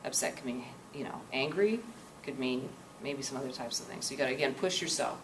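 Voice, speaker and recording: A woman's voice: a bass voice, fairly quick, noisy background. A woman leading an interactive workshop, often checking understanding with "okay?", recorded from a distant camcorder in a classroom. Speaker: workshop presenter. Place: classroom or meeting room. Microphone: far camcorder. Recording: echoey room from a distant camcorder.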